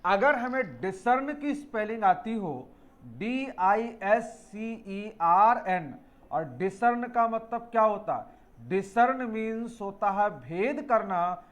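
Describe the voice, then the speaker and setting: A man whose voice sits high teaches English spelling to exam students. He explains things step by step, spells out words letter by letter, and calls the class children.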